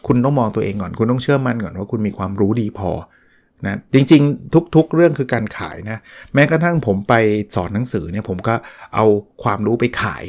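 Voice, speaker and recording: A middle-aged man hosts a solo show and talks casually through a book he is reviewing. His speech is conversational, full of small restarts and polite sentence endings, at an average pitch for a man. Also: lively intonation, brisk, darkish tone. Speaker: podcast host reviewing a book.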